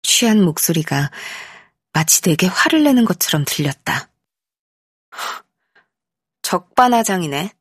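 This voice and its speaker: A woman narrating a first-person literary audiobook in a measured, expressive way, in a studio. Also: lowish voice, breathy edge, dry recording. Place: recording studio. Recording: dry studio.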